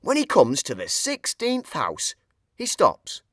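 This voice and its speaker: A man reading a children's picture book aloud in an expressive storytelling voice. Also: on the high side, slow, no room sound, clean studio sound. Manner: expressive, sing-song storytelling.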